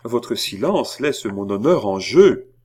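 A man's voice: lowish voice, unhurried, darkish tone. A man reading an audiobook and voicing an indignant, scornful queen who bursts into vehement accusations. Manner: vehement, scornful, rising to outbursts. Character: proud, indignant queen, woman.

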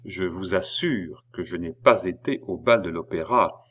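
A man's voice: sits low, unhurried, a bit bright. A man voicing a proud, wounded queen, pleading in a heightened voice that rises to cries.

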